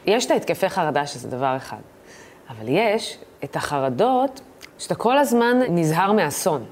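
A woman guest in a casual interview, an impressionist who tells animated stories and acts out the voices in them. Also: fairly low pitch.

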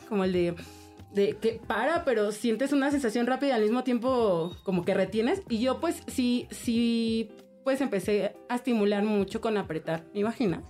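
A woman's voice: on the high side, mellow. A young woman co-hosting a casual talk podcast, telling a personal story with laughter and candor. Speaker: podcast co-host. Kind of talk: casual chat.

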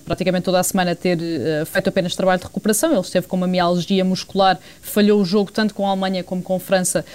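A woman correspondent with a European Portuguese accent gives a live sports report. Her voice is very clear and smooth at a middle pitch, with thinking pauses and repeated words. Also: darkish tone. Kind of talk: live news report, unscripted.

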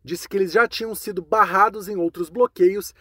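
A Brazilian man with a fairly high voice presents scripted news. His delivery is clear and conversational, and the sound is dry, with no room echo. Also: steady tone, moderate pace, a bit bright. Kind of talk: scripted news roundup narration.

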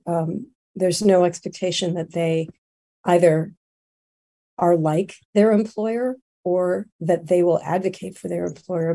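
A woman making informal remarks as a committee member, halting and often rephrasing as she goes. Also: fairly low pitch, gravelly, warm tone, breathy edge.

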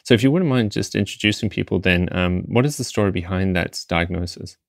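A man's voice: deep voice, a little fast, gravelly, dry recording, clean studio sound. A man hosting a podcast, introducing his guest and asking friendly, conversational questions. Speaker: podcast host. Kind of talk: podcast interview.

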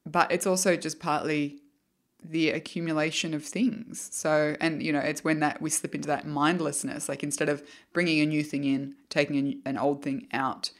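A woman's voice: deep voice, flat delivery, moderate pace. A woman hosting a podcast in a casual, conversational style. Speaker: podcast host. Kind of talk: casual chat.

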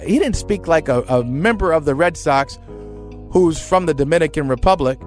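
A man's voice: fairly high pitch, animated, normal speed, faint music behind. A man in an interview, speaking earnestly and with emphasis. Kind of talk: reflective interview.

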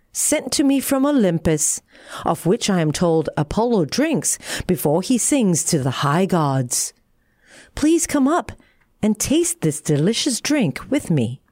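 A woman's voice: medium pitch, darkish tone, dry recording, clean studio sound. A woman voicing a cross, cunning elderly female owl in a children's bedtime storybook, prim and coaxing in manner. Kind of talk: storybook character in a sleep story.

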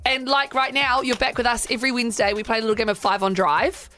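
A woman's voice: fairly high pitch, fairly even intonation, fast, pushed and bright. A young woman with a New Zealand accent, hosting radio in casual, chatty banter. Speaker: radio host.

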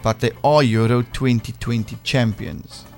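A man's voice: mid-range voice, fairly even intonation, moderate pace, vocal fry. A man with a broad South African accent, hosting a casual breakfast radio quiz in a playful, teasing way. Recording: music bed behind the voice. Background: music.

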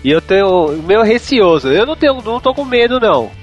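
A man's voice: high-pitched, very animated, brisk. A man with a Brazilian Portuguese accent chatting informally about American football as a slangy co-host. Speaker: sports talk co-host. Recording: dull, lo-fi audio over music. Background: music.

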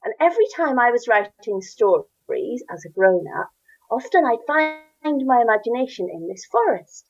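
Here a children's author with a Northern Irish accent talks through interview questions, her voice on the high side and swinging widely in pitch at a moderate pace. She's enthusiastic and warm, telling stories with a lilt and laughing along the way. The sound is muffled.

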